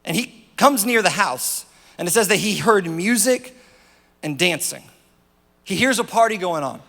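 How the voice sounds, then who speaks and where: A man's voice: high-pitched, measured pace, creaky. A man preaching a sermon as a pastor, animatedly retelling a story with playful asides. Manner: animated storytelling, acting out the parable. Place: church auditorium. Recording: church hall reverb, faint music behind.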